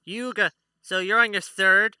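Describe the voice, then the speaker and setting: A man's voice: high-pitched, fairly even intonation, measured pace, bright, forceful tone, smooth, no room sound, clean studio sound. A man narrating a tabletop role-playing game as its playful game master.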